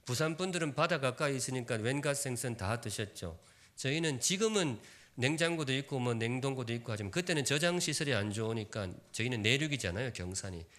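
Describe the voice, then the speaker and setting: A pastor in his fifties from Gyeongsan, North Gyeongsang, South Korea, preaches a sermon in a church sanctuary, using Seoul Korean with a trace of Gyeongsang accent. He is humorous and animated, drawing the congregation in with questions, in a medium-pitched, fairly bright voice at a slightly fast pace.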